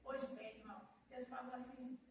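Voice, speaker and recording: A woman's voice: sits high, fairly even intonation, normal speed, slight background noise. A Brazilian woman missionary giving an emotional testimony sermon, calling out to her listeners as brother and sister. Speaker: missionary preacher. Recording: very echoey, mic far off.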